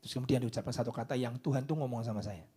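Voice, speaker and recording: A man preaching a sermon into a microphone in church, swinging from loud declarations down to hushed whispers. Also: mid-range voice, rapid-fire, husky. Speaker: pastor.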